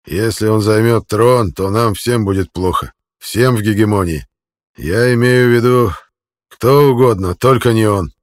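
A man's voice: lowish voice, measured pace, no echo, studio quality, pitched above the performer's own voice, lightly acted. A man voicing a very old male alien cook in an audiobook, eager and conspiratorial. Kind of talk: audiobook character voice.

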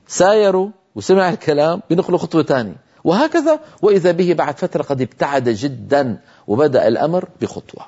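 A middle-aged man gives a recitation lesson in a mellow, warm voice. He exhorts his listeners earnestly and stretches vowels out to show how they sound. The audio is dull and lo-fi, like an old broadcast. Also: medium pitch. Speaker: Quran recitation teacher. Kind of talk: tajweed lesson lecture.

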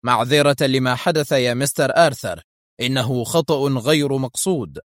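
A man voicing a stern, ruthless male gang leader who gives sharp commands. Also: medium pitch, normal speed, dry recording, clean studio sound, natural voice.

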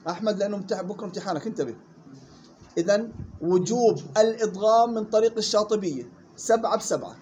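A man teaching Quran recitation rules. He models the words slowly and quizzes his students. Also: sits high, a little mellow, slight background noise. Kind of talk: tajweed lesson.

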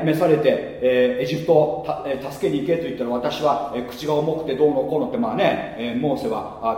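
A male pastor delivers a sermon with a fairly high, animated voice that leaps up and drops away. He keeps tossing rhetorical questions to the congregation between casual asides, and his words ring through a large, echoey hall with a long reverb tail.

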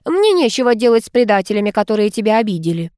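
A woman voicing a hot-tempered, protective male cat familiar who shouts in indignant outbursts, as in an audiobook. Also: medium pitch, sing-song, quick pace, smooth, no echo, clean studio sound, close to an everyday voice. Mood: tender. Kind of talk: audiobook character voice.

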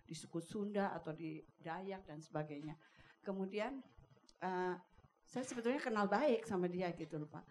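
A woman's voice: lowish voice, normal speed, darkish tone, slight background noise. A woman from the congregation politely and hesitantly telling an experience and asking the pastor a question. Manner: polite, hesitant, many fillers. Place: church hall.

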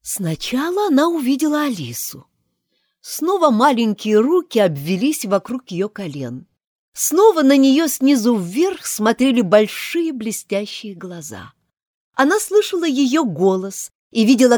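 A woman narrating an audiobook fairy tale in an expressive storybook manner. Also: moderate pace, no echo, clean studio sound. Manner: highly expressive, animated.

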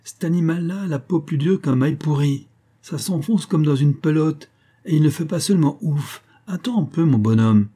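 A man's voice: a little high, normal speed, mellow, breathy edge, pitched above the performer's own voice. A man reading aloud, voicing a cruel male convict bandit who tortures a prisoner with a mocking, hissing manner. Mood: taunting. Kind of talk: audiobook character voice.

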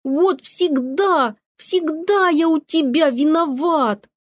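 A woman voicing a squabbling male house cat who whines and shouts complaints, in a storybook reading. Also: fairly high pitch, animated, takes it slowly. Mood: indignant.

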